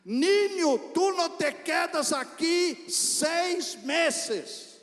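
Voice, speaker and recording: A man voicing a gruff, mocking male church worker who scoffs loudly, drawing his words out slowly. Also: very high-pitched, lively intonation, in a large hall, voice pushed up, full character voice. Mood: scoffing. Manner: loud, drawn-out scoffing.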